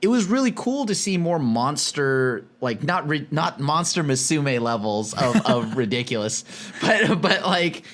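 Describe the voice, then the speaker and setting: A man from California co-hosting a podcast in casual chat, animated and laughing often, with many restarts. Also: fairly high pitch. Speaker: podcast co-host.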